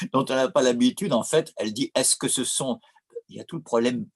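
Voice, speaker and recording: A man's voice: medium pitch, normal speed, husky. A man with a Corsican accent giving an informal, digressive lecture on opera, with frequent hesitations and restarts. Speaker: philosophy lecturer.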